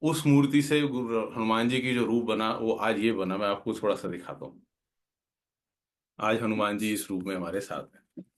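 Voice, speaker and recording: A man's voice: fairly low pitch, fairly even intonation, normal speed. Earnest man telling a devotional story. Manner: earnest and heartfelt, mixing Hindi with English words. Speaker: guest speaker at a devotional gathering.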